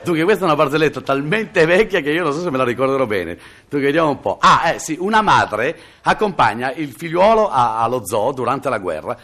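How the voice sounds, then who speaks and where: Animated man telling jokes. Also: medium pitch, a little fast, few pauses. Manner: chatty, laughing between jokes. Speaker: joke teller. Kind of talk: comic joke-telling monologue.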